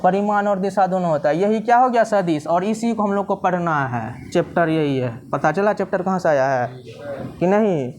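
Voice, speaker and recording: A man's voice: high voice, lively intonation, normal speed, darkish tone, a little hiss or hum. A male physics teacher, giving a classroom lecture and often asking the students if they have understood. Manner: repeats questions to students, casual teasing checks.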